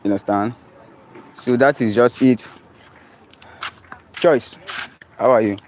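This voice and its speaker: A young Nigerian man, accent clearly Nigerian English, goes live on his phone outside near his home, flipping the camera to show where he is. He talks slowly in a mid-range voice with a little hiss or hum, reading viewers' comments, responding and often asking "you understand?".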